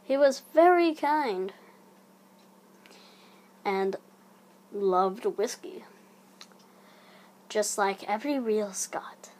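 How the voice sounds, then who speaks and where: A woman narrating a scripted horror story in a hushed, creeping manner, breathy and sometimes sinking toward a whisper. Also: medium pitch, extremely slow, pauses often. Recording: audible background noise.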